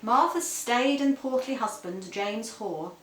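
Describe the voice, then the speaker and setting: A woman's voice: a little high, takes it slowly, fairly bright tone, reverberant, a little hiss or hum, low-quality recording. A woman reading her own novel aloud in a playful, intimate manner. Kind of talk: audiobook-style reading.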